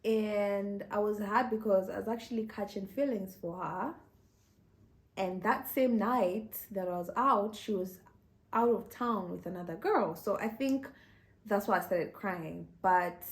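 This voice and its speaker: A young Kenyan woman vlogs to camera, sharing a personal story in a chatty way, laughing often and saying "you know." Her voice is medium in pitch and a little slow.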